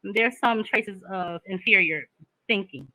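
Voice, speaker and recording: A woman's voice: medium pitch, measured pace, pushed and bright, no echo, low-quality recording. A woman, talking candidly in a casual chat and laughing often.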